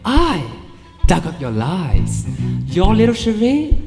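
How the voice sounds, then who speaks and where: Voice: mid-range voice, wildly swooping pitch, slow pace, gravelly, full character voice. A performer playing an indignant police officer in a stage musical, declaiming melodramatically. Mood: accusing. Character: indignant, theatrical police officer exposing art fraud. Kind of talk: theatrical stage acting. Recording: echoey hall, loud guitar music behind.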